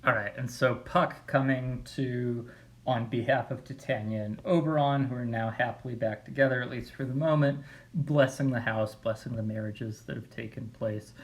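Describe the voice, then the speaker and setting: A man's voice: medium pitch, steady tone, normal speed. A male teacher giving a recorded video lecture in a casual way, thinking aloud with frequent fillers.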